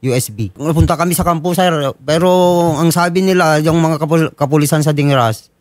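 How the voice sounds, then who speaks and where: A man's voice: a little high, a little fast, no room sound. A man, a relative of a victim, speaking with emotional urgency. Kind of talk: studio testimony.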